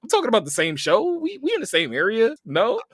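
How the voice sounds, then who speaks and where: A man's voice: extremely high pitch, wildly swooping pitch, fast, no room sound, clean studio sound. A young man, co-hosting a casual podcast chat. He sounds laid-back and teasing and laughs a lot. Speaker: podcast co-host.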